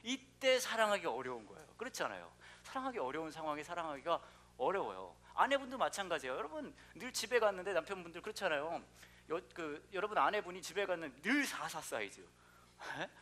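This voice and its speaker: A man's voice: a little high, big pitch swings, fast talker, a bit bright. A young adult man preaching a sermon as pastor, a joking storyteller who acts out quoted voices.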